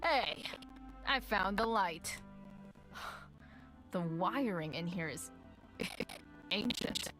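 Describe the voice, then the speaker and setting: A woman's voice: mid-range voice, expressive, drawn-out words, pauses often, a bit bright, rough recording. A woman voicing an easygoing, curious young companion in a video game. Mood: casual, curious. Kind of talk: video game character read aloud. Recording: prominent game music behind.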